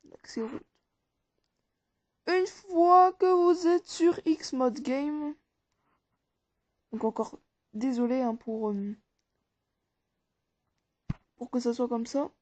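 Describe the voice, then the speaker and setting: A woman's voice: high voice, takes it slowly, pauses often, darkish tone. A woman talking viewers casually through an app tutorial step by step, informal and rambling. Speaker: tutorial maker. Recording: dull, dry lo-fi recording.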